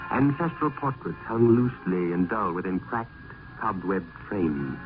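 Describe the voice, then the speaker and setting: A man playing a weary, foreboding gentleman poet in a gothic radio drama, with formal, literary speech. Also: on the low side. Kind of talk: old-time gothic radio drama acting. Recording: muffled vintage radio recording, loud music.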